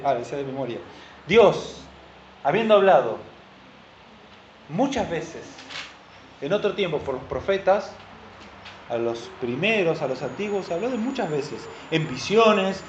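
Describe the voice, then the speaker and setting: A man preaching a sermon as pastor, animated and asking the congregation questions. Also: high voice, a little slow, a little hiss or hum. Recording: dull lo-fi recording in a roomy hall.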